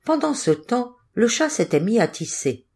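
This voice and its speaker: A woman reading a folk tale aloud as an audiobook, with expressive, rising and falling narration. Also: on the high side, normal speed, husky. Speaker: audiobook reader. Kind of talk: storybook narration.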